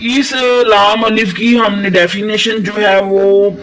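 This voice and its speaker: Man, Pakistani Urdu accent, tajweed teacher, unhurried, voice set back from the mic. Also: high-pitched, steady tone, fairly bright tone, far from the mic, low-quality recording. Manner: slow, patient explaining, drawn-out recited syllables. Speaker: Quran recitation teacher. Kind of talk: tajweed lesson, spelling out letters.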